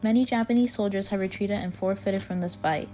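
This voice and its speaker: A woman's voice: medium pitch, fairly quick, dark tone, a little hiss or hum, natural voice, rough recording. A woman playing a solemn, patriotic 1940s wartime radio news reporter, reading a formal, earnest script. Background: music.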